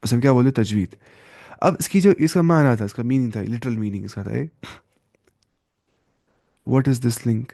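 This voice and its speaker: A man's voice: medium pitch, creaky, pauses often, dark tone, no room sound. A man teaches Quran recitation rules in an online lesson. He often poses a question to his students and answers it himself, slipping in English terms. His mid-range voice is recorded close and dry, with no room sound.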